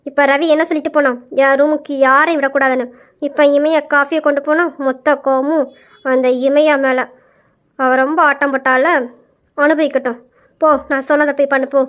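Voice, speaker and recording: A woman's voice: high voice, level tone, a little fast, lightly acted. A woman voicing a domineering old grandmother who rules a wealthy household and schemes against her family. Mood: scolding. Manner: commanding, scheming.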